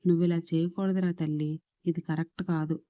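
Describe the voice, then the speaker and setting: A woman's voice: on the low side, level tone, brisk, mellow, no echo, lo-fi sound, close to an everyday voice. Woman voicing a sorrowful male doctor. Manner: sorrowful, tender.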